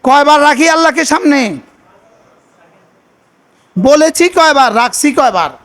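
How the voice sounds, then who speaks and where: High-voiced preacher with a lilt. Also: male voice, expressive, a bit bright. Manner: quizzes the listeners with repeated questions, recites Arabic prayers slowly. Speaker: Islamic preacher. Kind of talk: sermon.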